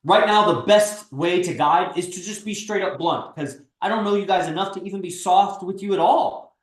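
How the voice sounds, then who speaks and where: A man's voice: high-pitched, normal speed, roomy sound. A man in his thirties hosting a livestream, talking bluntly and persuasively and swearing freely. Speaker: stream host and coach. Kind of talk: casual livestream pep talk.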